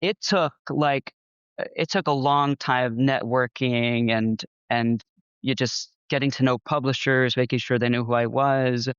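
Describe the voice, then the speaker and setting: A man from Texas, an audiobook narrator, chatting in an interview with frequent pauses and fillers. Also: medium pitch, steady tone, a bit bright, smooth, no room sound. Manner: hesitant, many fillers. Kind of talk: casual interview chat. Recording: slightly dull, lo-fi sound.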